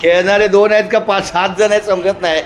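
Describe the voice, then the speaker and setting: A man's voice: high-pitched, flat delivery, fairly quick. A man with a Mumbai Marathi accent, filming a family weekend vlog, chatting, teasing and laughing often. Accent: Marathi-speaking Mumbai. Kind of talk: casual handheld vlog narration. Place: villa rooms full of family. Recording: noisy crowded room.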